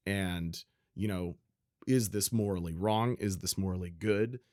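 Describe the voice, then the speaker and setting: Low guy rambling on a podcast, lots of you knows, dry sound. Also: measured pace, a little mellow, no room sound. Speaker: podcast co-host. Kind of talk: casual movie chat.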